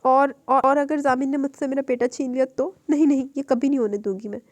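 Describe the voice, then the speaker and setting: A woman reading aloud, voicing a protective young mother who speaks softly to her son and firmly to others. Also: sits high, steady tone, brisk, no echo, pitched above the performer's own voice, lightly acted. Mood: anxious. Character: protective young mother, firm but tender.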